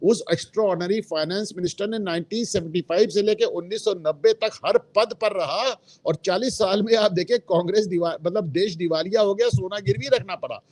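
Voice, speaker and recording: A man's voice: sits high, a little fast, hardly any pauses, a little mellow, no room sound. A man speaking as a guest in a political discussion, emphatic and opinionated, dropping English phrases into his talk. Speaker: guest commentator.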